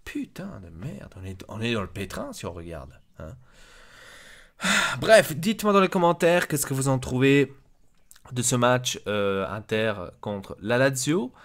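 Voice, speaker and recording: A man's voice: medium pitch, very animated, measured pace. Exasperated football vlogger man. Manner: exasperated, crude. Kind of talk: casual ranting commentary.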